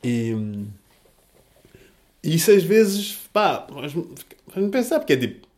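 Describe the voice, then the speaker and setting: A man's voice: high voice, very animated, takes it slowly, a little mellow. A young man with a European Portuguese accent, talking in a casual reflective monologue full of slang, restarts and fillers.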